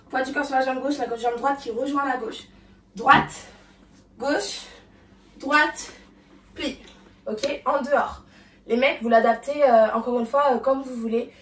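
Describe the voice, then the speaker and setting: A woman's voice: high-pitched, pushed and bright, recorded from a distance. A woman teaching a dance routine, counting beats and calling out moves, a little out of breath. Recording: roomy sound from away from the mic.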